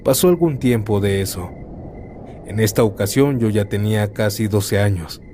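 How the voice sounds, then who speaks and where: In a calm, steady first-person read, a man narrates horror stories. His voice is a little low, warm, and mellow, and a faint noise runs beneath the recording.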